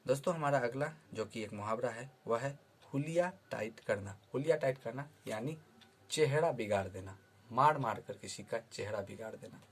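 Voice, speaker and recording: Husky-voiced male teacher explaining words. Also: medium pitch. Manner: patient, repeats each word slowly before defining it. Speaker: Hindi teacher. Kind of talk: vocabulary lesson explaining word meanings.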